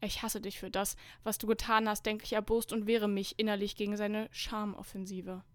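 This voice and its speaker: A woman's voice: mid-range voice, flat delivery, normal speed, no echo. A young woman co-hosting a podcast, reading fanfiction aloud with dry, mocking commentary and skipping parts with "bla bla". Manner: mocking, skips passages with "bla bla". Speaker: podcast co-host.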